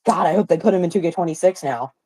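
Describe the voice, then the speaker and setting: His sore throat leaves his rather high voice hoarse and cracking as this young man hosts a live watch party stream on his phone. He talks quickly and excitedly, throwing out slang and exclamations.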